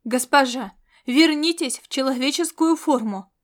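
A woman's voice: a little high, fairly even intonation, normal speed, a bit bright, lightly acted. A woman voicing an angry male military commander who snaps curt orders. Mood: barking.

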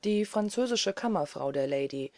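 A woman reading aloud voices a grave, courteous gentleman who speaks in a measured, solemn way. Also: medium pitch, animated, dry recording, lightly acted.

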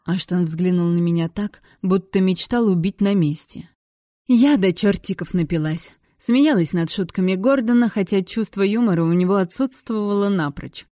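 A woman reading a novel aloud in the first person, in an expressive, measured storytelling manner on a close mic. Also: medium pitch, dry recording. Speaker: audiobook narrator. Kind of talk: first-person audiobook narration.

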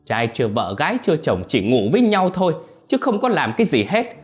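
A furious old father bellows his rage, as a man puts him on, his voice pushed high and strained as he rails at the young man. His words rise and fall in lively, jagged swings, with soft music in the background. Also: fairly quick. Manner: roaring, scolding, high and strained.

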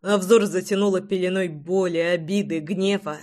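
A woman's voice: fairly low pitch, steady tone, normal speed, darkish tone. Woman, audiobook narrator, first-person romance, emotional dramatic reading.

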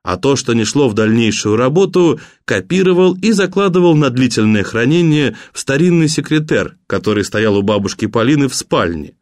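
A man narrating a crime novel in a steady, even storytelling voice. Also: mid-range voice, moderate pace, few pauses, dry recording, clean studio sound. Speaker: audiobook narrator. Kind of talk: audiobook narration.

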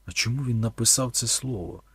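A male reader voicing a desperate middle-aged man who pleads and shouts slowly and loudly. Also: mid-range voice, slightly rough, no room sound. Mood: tense. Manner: slow, loud, imploring cries.

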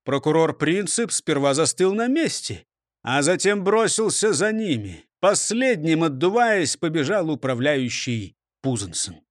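A man reading a children's storybook aloud in an expressive, animated way. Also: fairly high pitch, a little slow, no echo, studio quality.

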